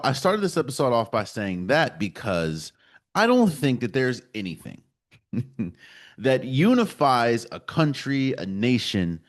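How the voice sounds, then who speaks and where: A man from the United States hosting a solo sports podcast, giving his opinions in an emphatic, animated way. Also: mid-range voice. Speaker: podcast host.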